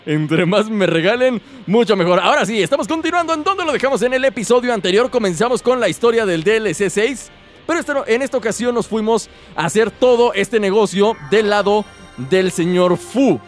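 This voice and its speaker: A man's voice: high-pitched, lively intonation, fairly quick, faint music behind. A man giving playful, joking commentary over his gameplay. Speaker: gaming YouTuber.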